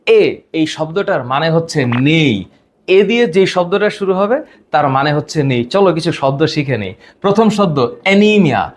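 A man's voice: a little high, expressive, normal speed. A man teaching biology vocabulary, explaining each term step by step and lifting his voice on each new word. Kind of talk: short educational explainer.

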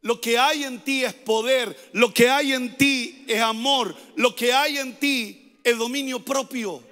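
A man preaching as a pastor, emphatic, repeating his phrases and rising at times to shouted pleas. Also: extremely high pitch, slow pace, in a large hall. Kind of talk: sermon.

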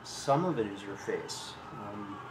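A hat shop owner with a lowish voice talks his customers through choosing a hat, relaxed and chatty, trying hats on as he goes. The room is echoey, with loud street noise behind him. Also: slow pace. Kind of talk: casual explanatory shop talk.

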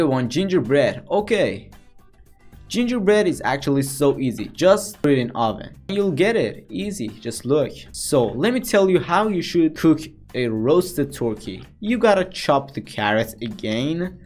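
A man giving casual, playful commentary as he plays a game, talking to the characters on screen. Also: mid-range voice. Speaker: gaming commentator. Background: background music.

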